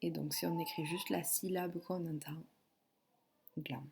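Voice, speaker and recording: Slow-spoken woman teaching phonics. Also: on the low side, steady tone, darkish tone. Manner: slow, clearly articulated dictation. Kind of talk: phonics lesson for a child.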